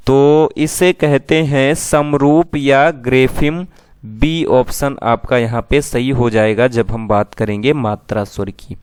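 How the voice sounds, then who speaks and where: A man's voice: medium pitch, clear, resonant tone, dry recording, clean studio sound. A man teaching an exam-prep lesson who asks his students questions and then answers them himself.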